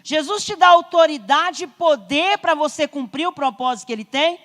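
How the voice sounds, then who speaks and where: A woman's voice: sits high, a little fast, a bit bright, big-room sound. A Brazilian woman pastor with a Brazilian Portuguese accent preaching a sermon, driving home her points with emphatic, repeated rising appeals. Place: church sanctuary.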